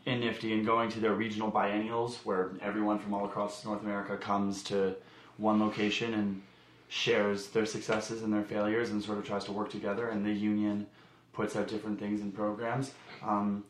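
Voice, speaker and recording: A young man, a camp song leader, telling his story in an animated, emphatic way. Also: on the low side, moderate pace, reverberant, low-quality recording. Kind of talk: casual interview talk.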